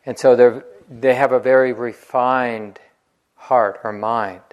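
Man giving a relaxed dharma talk. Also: medium pitch, takes it slowly, muffled recording. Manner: relaxed, conversational storytelling with light laughs. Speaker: meditation teacher.

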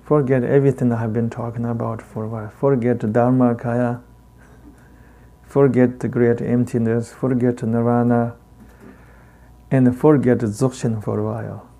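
A man with a heavy Tibetan accent, a native Tibetan speaker, giving a Buddhist dharma talk as a teacher in halting, deliberate phrases with long pauses. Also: mid-range voice, steady tone, dark tone.

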